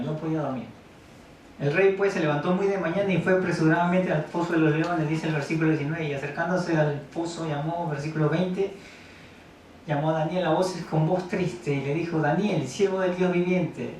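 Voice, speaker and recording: A man's voice: fairly high pitch, slight background noise. A man preaching a sermon in a church hall. He reads Bible verses aloud and keeps asking the congregation questions. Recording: very echoey room, mic at a distance.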